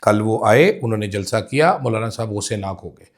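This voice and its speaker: A man's voice: lowish voice, lively intonation, fairly quick. A man with a Pakistani Urdu accent, delivering a political commentary monologue with sarcastic, mocking asides.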